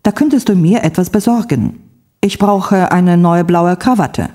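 A woman's voice: fairly low pitch, a little slow, dark tone. A woman reading the part of a husband asking his wife, in a matter-of-fact way, to buy him something. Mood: plain.

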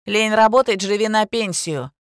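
A woman's voice: mid-range voice, normal speed, no room sound, clean studio sound, pitched above the performer's own voice, lightly acted. A woman voicing a brash, chatty young woman with a ringing voice and slangy, bold talk. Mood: indignant.

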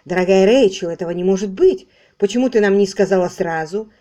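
A woman's voice: mid-range voice, fairly quick, dark tone, natural voice. A woman doing a gushing, fussy man. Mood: effusive. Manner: effusive, gushing.

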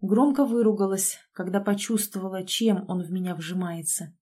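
A woman reads a first-person audiobook with a dark, mellow tone. Her telling is brisk and wry, and she slips into the characters' lines as she goes. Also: medium pitch, steady tone, breathy edge. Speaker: audiobook narrator.

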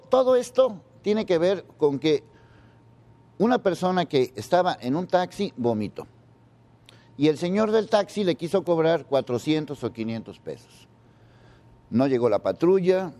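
A man's voice: on the high side, mellow. A man giving indignant news commentary, repeating pointed rhetorical questions.

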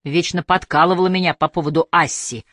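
Woman doing a loud crude Australian bloke. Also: lowish voice, steady tone, fairly quick, no room sound, clean studio sound. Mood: brash mocking. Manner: loud, coarse slang, mocking. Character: brash crude young Australian man.

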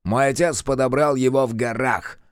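A man's voice: medium pitch, steady tone, normal speed, no room sound, studio quality, pitched above the performer's own voice, close to an everyday voice. A man voicing a brash, insolent captive creature with long ears, who howls and snarls his words. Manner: howling, shouting and snarling.

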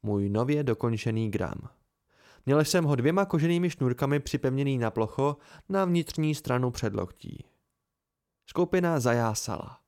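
A man narrating an amateur audiobook in a steady first-person storytelling manner. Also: mid-range voice, smooth. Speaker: audiobook reader.

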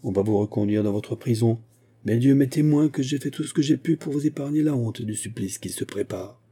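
A man's voice: medium pitch, fairly quick, mellow, husky. A man doing a grave old magistrate. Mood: solemn. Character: stern elderly male magistrate, paternal yet cold.

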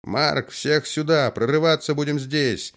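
A man barking as a gruff army colonel. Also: fairly high pitch, unhurried, fairly bright tone, voice pushed up. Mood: commanding. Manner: barked curt orders. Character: commanding male army colonel.

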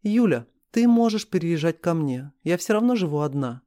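A sharp-tongued young wife, tipsy and indignant, as a man reading the story puts her on. Her voice rides high and mellow, close and dry. She snaps back in quick bursts. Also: animated, no echo, close to an everyday voice. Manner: indignant, raised voice.

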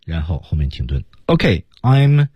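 A man's voice: deep voice, big pitch swings, fairly quick, breathy edge, dry recording, lo-fi sound. A man teaching English on the radio, explaining each example line and then acting it out. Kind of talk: radio language lesson. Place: radio studio. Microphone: studio microphone.

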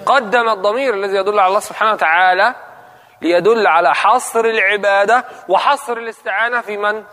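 A man gives a religious lesson in a high-pitched voice, posing questions to his listeners and repeating the key points. The sound has a long reverb, as if recorded in a large hall. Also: fast, pushed and bright. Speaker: preacher.

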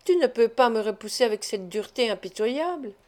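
A woman's voice: on the high side, expressive, brisk, darkish tone, natural voice. A woman voicing a desperate young woman in love, pleading and imploring.

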